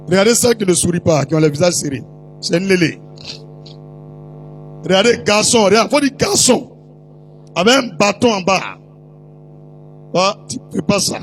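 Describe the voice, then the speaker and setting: A man's voice: high voice, rough recording. A man with an Ivorian French accent preaching a sermon, chatty and teasing as he talks straight to the congregation. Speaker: prophet preaching. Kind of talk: sermon storytelling.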